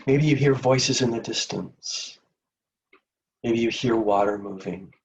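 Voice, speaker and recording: This man guides a meditation gently and soothingly, taking his time and leaving long pauses between phrases. His pitch is medium, and the recording is muffled, with him positioned far from the mic.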